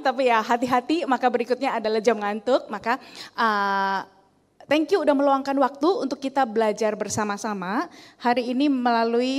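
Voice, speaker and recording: A middle-aged woman, giving a lively, chatty talk about a book to a church class, with many fillers and repeats. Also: a little high. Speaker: guest speaker at a church couples' class.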